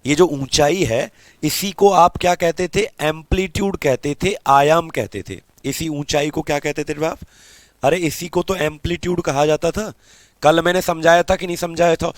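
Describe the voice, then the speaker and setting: A man teaching a live online physics class, asking questions and answering them himself, calling his students beta, and slowing down to dictate notes. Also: a little high, no echo.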